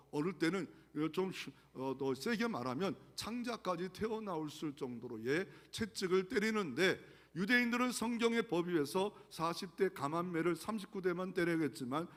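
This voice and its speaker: A man pastor delivering an earnest sermon, asking the congregation rhetorical questions. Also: high voice. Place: large church sanctuary. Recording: long church hall reverb.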